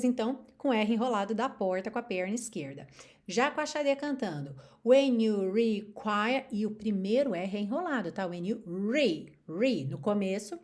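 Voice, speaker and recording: A Brazilian woman in her thirties teaching an English lesson through a song, expressive and lively, singing short lines to demonstrate pronunciation. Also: mid-range voice.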